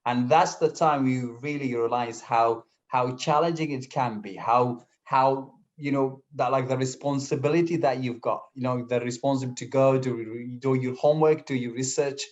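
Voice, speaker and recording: A young man from Syria, a native Kurdish speaker, talks in English at a normal speed with hardly any pauses during a casual guest interview. His voice sits in the mid range, though fillers and restarts come up often, and the recording is lo-fi and a bit dull.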